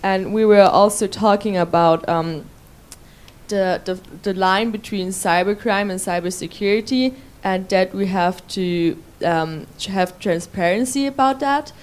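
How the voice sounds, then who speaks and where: A woman's voice: mid-range voice, a little slow, clear, resonant tone. A woman making a spontaneous remark from the floor at a conference, hesitant, with many fillers and restarts. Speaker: conference participant. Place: conference room.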